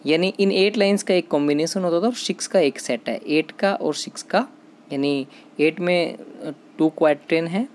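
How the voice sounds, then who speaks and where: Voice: medium pitch, moderate pace, a little mellow, a little hiss or hum. Indian-accented teacher drilling students. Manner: asks questions and answers them herself; repeats key terms, often calls out to students. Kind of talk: exam-prep lecture.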